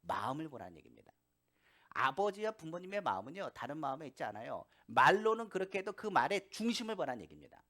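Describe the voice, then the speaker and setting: A man's voice: on the high side, fast talker. A male pastor preaching a sermon in church, telling stories and acting out the voices in them. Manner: animated storytelling, acting out quoted voices. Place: church sanctuary.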